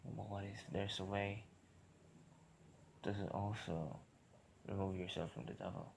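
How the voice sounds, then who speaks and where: A man with a very creaky, lowish voice delivers a rambling philosophical rant. He talks casually and haltingly, circling back and repeating his phrases as he goes. The recording is clearly noisy. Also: steady tone, a little mellow. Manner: halting, repetitive, self-interrupting. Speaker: vlogger.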